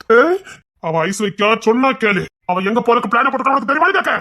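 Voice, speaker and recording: Family skit player, loud scolding, pitch leaping all over. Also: lively intonation, fast. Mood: doting. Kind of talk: shouted family drama skit.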